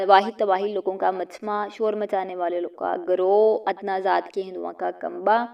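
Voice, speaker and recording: A woman's voice: medium pitch, a little mellow, distant mic. A woman teacher reading multiple-choice questions for exam prep, each followed by its answer. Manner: reads each question and options, then states the answer.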